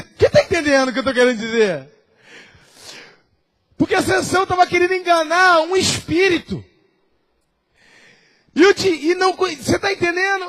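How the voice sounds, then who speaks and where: A man preaching a sermon in a Brazilian Portuguese accent, switching between quiet asides and shouted, acted-out quotes. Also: very high-pitched. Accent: Brazilian Portuguese, Rio de Janeiro area. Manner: impassioned preacher, acts out quoted voices and shouts. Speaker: apostle preaching.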